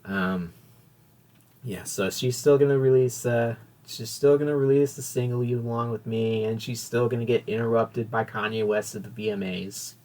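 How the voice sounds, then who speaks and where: A man's voice: mid-range voice, fairly even intonation, normal speed, darkish tone. A man hosting a casual solo podcast, rambling and correcting himself as he talks. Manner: rambling, self-correcting, chatty. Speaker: podcast host.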